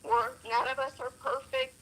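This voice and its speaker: A woman calling in by phone, telling a personal story in a soft, apologetic, emotional way. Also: high-pitched, very animated, moderate pace, slight background noise, rough recording. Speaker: phone-in caller. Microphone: phone on speaker.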